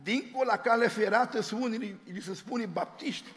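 A man's voice: high-pitched, long reverb tail. A man preaching a sermon in the form of a testimony, telling a story and quoting its people in his own voice.

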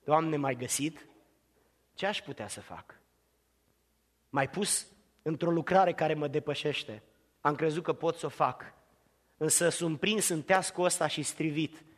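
A man's voice: a little high, long pauses, natural voice. A man voicing a worn-out prophet in despair who pleads and says he wants to die, in a weary lament. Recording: reverberant hall.

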